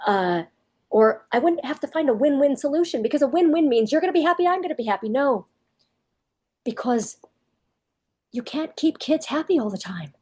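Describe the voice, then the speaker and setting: A woman's voice: high voice, expressive, moderate pace, long pauses, a little mellow. A woman parenting coach giving direct, emphatic advice to parents.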